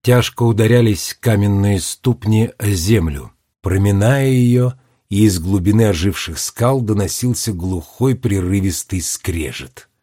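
A man narrating a storybook with expressive delivery, dipping his voice low for menacing passages. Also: breathy edge. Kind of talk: audiobook narration.

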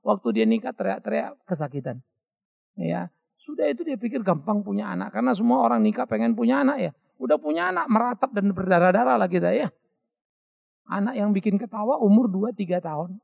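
A middle-aged male pastor, preaching a sermon in a lively storytelling way, mimicking voices and laughing at his own stories. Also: sits high, creaky, breathy edge, muffled recording.

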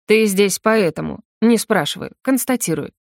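A woman's voice: mid-range voice, animated, creaky, darkish tone, dry recording, studio quality. A woman voicing a sly, mocking defense lawyer in an audiobook reading. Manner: mocking, cool and measured. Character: sly female defense lawyer, the narrator's ex-wife.

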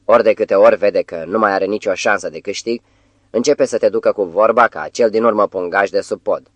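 A man voicing an imposing, mocking devilish master with a very deep, gravelly voice. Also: no echo, natural voice. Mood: mock scolding.

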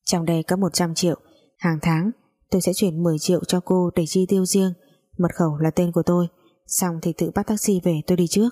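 Woman reading a cold, terse young husband, husky tone. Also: fairly low pitch, fairly even intonation, a little fast, dark tone, close to an everyday voice. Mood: curt. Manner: curt, matter-of-fact.

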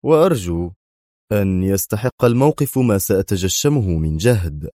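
Reader doing a rattled, short-tempered male museum boss, lively delivery, dry close sound. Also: lowish voice, normal speed, no room sound, close to an everyday voice. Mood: indignant. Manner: nervous, indignant. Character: anxious, irritable male museum director.

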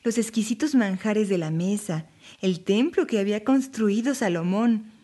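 A woman narrating Bible stories for families in a clear, even storybook reading. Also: mid-range voice, normal speed.

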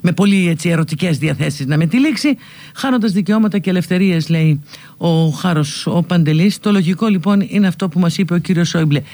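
A sick, feverish woman hosting a radio talk show, teaching and scolding emphatically with sharp swings in pitch. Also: dry recording. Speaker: radio host.

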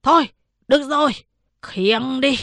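A woman voicing a gruff, scolding old male town chief in an audiobook. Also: high voice, measured pace, no room sound, pitched above the performer's own voice, heavily acted. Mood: grave. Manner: scolding, shouting.

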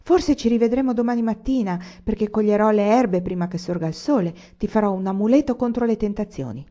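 A woman's voice: mid-range voice, a little fast, warm tone, natural voice. A woman reading the part of a shy, anxious young peasant girl in a storybook. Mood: gentle. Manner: eager, a little anxious. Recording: slightly dull lo-fi recording.

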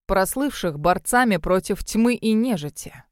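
Woman reading as a gloating domineering shipowner man, smooth voice, dry close sound, audiobook character. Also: medium pitch, expressive, measured pace, dry recording, lightly acted. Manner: smug, dreamy, domineering. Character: arrogant scheming male ship owner.

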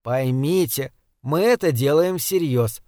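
A man voicing an apologetic lady who speaks politely and softly. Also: deep voice, expressive, slow pace, no echo, studio quality. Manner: apologetic, pleading.

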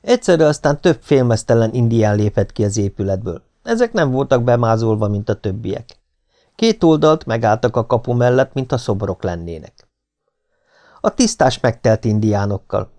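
Narrating an audiobook, a man voices the first-person account of an adventure novel. His reading stays measured and steady, and his pitch is medium.

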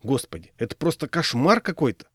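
A prim, refined lady bristles with indignation, her voice jumping high and low, as a male reader acts her out. The sound is close and dry. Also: big pitch swings, a little fast, fairly bright tone, slightly rough, no room sound, heavily acted. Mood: indignant. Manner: indignant, exclaiming.

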